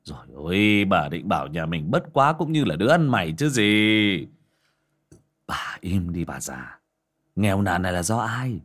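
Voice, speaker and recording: A man's voice: deep voice, very animated, measured pace, fairly bright tone, exaggerated voice. A man voicing a spoiled, greedy young man who talks down to his mother in a bossy, scornful way.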